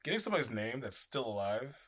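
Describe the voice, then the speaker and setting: A man's voice: medium pitch, very animated, quick pace, fairly bright tone, breathy edge. A man chatting casually on a podcast, rambling loosely with many fillers. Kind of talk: casual chat.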